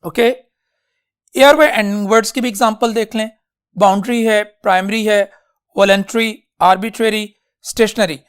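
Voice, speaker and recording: A man with a Pakistani accent teaching an English class, speaking slowly and deliberately, checking often whether students follow and addressing them fondly. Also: sits high, steady tone. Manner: slow and deliberate, calls students "beta", repeats checks like "clear?". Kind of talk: classroom lecture mixing Hindi-Urdu and English.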